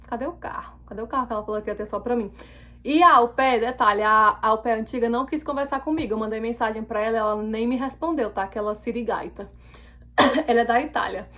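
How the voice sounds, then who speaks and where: A young woman telling a personal story in a casual, animated way, acting out the quoted dialogue. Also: on the high side. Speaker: vlogger.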